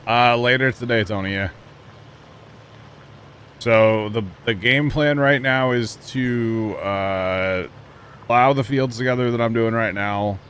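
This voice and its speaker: On a livestream, a man chats casually into a headset mic while playing a farming game and greeting viewers in his chat, relaxed and talkative. His voice is medium in pitch and slow-paced, with a little hiss or hum in the audio.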